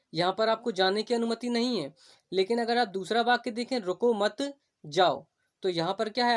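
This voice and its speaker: Woman, grammar teacher, exam-prep lecture, step-by-step explaining, frequent check-ins, middle pitch. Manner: slows down to spell out example sentences.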